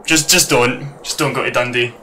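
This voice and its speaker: A man's voice: mid-range voice, fairly even intonation, normal speed, pushed and bright, a little hiss or hum. A man from Glasgow, telling wry, self-mocking stories in casual panel chat. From Glasgow, Scotland.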